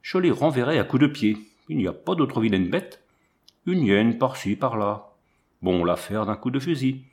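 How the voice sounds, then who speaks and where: A man's voice: medium pitch, lively intonation, normal speed, darkish tone, close to an everyday voice. A man reading an audiobook and voicing a plain-spoken, drily skeptical young French soldier. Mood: boastful. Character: earthy, wary young male French soldier.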